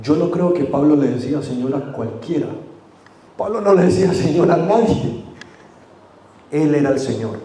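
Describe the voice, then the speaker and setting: A man preaching a sermon in a church, speaking earnestly to the congregation and dropping to a hush for quoted lines. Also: fairly high pitch, animated, moderate pace, long pauses. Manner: earnest, addressing the congregation directly; dramatic drops to a hushed voice for quotes. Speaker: pastor. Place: church sanctuary. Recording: echoey church room.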